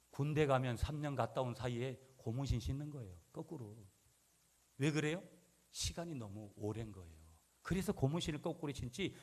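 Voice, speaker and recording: A male pastor with a medium-pitched voice delivers a sermon, swinging from loud declarations to quiet asides. He calls out for responses from the congregation.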